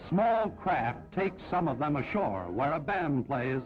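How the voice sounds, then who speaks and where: A man narrating an old 1940s newsreel in a brisk, upbeat announcer style. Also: fairly high pitch, big pitch swings. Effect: old newsreel sound. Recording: dull lo-fi 1940s film audio with music.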